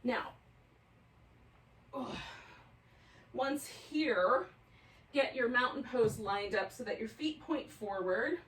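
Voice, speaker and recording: A yoga instructor with a fairly high voice guides a class from across a roomy space, the mic set at a distance. She's relaxed and chatty, laughing easily as she gives instructions.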